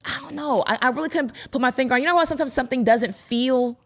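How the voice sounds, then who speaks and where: A woman co-hosting a podcast, talking casually and thoughtfully, often pausing and restarting as she looks for the words. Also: high voice. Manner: thoughtful, hesitant, restarts while searching for words. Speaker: podcast co-host. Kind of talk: casual chat.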